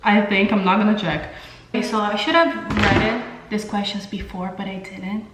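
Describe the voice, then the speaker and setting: A young adult woman from São Paulo, Brazil, a native Portuguese speaker with a Brazilian accent, chats casually to camera as a beauty vlogger while doing her makeup, candid and full of slang. Her mid-range voice keeps a steady tone at a moderate pace. The audio is reverberant, with music playing underneath.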